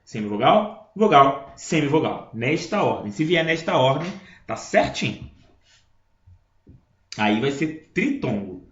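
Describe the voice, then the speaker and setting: A man's voice: mid-range voice, very animated, slow, long pauses. A man teaching a grammar lesson, explaining step by step and checking in with his listeners. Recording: echoey room, dull lo-fi sound.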